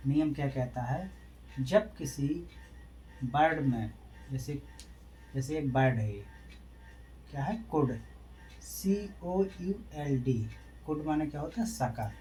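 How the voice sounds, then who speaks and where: Slow, deliberate male teacher explaining rules. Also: medium pitch, mellow, faint music behind. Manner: slow, asks questions then answers them himself; spells out letters one by one, drawn out. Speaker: English teacher. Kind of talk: classroom lesson explained in Hindi.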